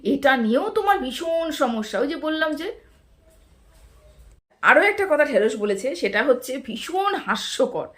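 A middle-aged woman talks in a bright, high register. She delivers casual commentary from home. Her tone is scolding and indignant, and she keeps throwing out rhetorical questions. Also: animated, unhurried, long pauses. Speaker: YouTube commentator. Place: home, indoors.

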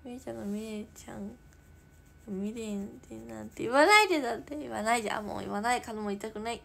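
A teenage girl streaming live in her room, chatting casually, reading viewer comments aloud and drifting into soft whispers. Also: fairly high pitch, quick pace, vocal fry. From Japan. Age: teens. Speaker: idol livestreamer.

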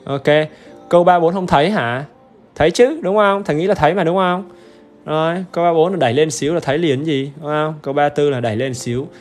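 A man teaching English on a livestream, upbeat and chatty, often checking in with viewers. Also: on the high side. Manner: upbeat and chatty, keeps urging viewers to comment; repetitive check-ins with the audience. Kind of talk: livestream exam-review lesson.

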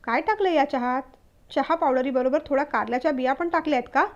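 A woman's voice: high voice, brisk, dull audio. Woman voicing a young newlywed husband. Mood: irritated. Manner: snappy when irritated, soft when apologizing. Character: young newlywed husband, short-tempered yet caring.

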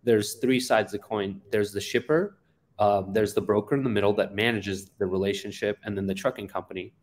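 Here a man in his forties from Afghanistan, guest and company founder, shares his background in an interview on a video call, recorded through a webcam in an indoor office and peppered with ums and uhs. He speaks on the low side and a little fast, with a slightly mellow quality and fairly even intonation.

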